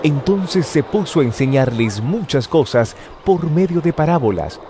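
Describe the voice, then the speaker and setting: A man narrates a dramatized audio Bible from a script, very animated yet measured in pace, with a fairly high pitch. Noisy outdoor sound effects play behind him.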